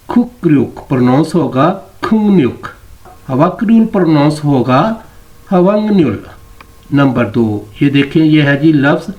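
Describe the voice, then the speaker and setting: A man's voice: a little high, darkish tone. A male language teacher explaining vocabulary and pronunciation rules step by step, repeating each word after the audio track.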